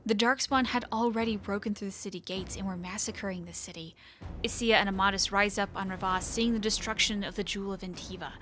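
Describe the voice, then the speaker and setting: A woman hosting a book channel, recapping novel chapters in an even storytelling read-aloud. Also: mid-range voice, fairly quick, a little hiss or hum.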